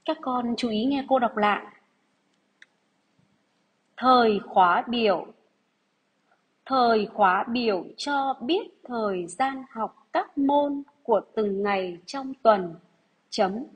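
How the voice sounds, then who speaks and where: Repeating each phrase in a slow, measured way, a female primary teacher dictates to her young pupils. Her voice sits on the high side and carries a breathy edge.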